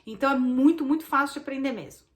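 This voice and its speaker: A chatty Brazilian woman with a high voice walks her students through a casual recorded lesson. She keeps checking in with quick tag questions as she explains. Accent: Brazilian Portuguese. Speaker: baby sign language course instructor.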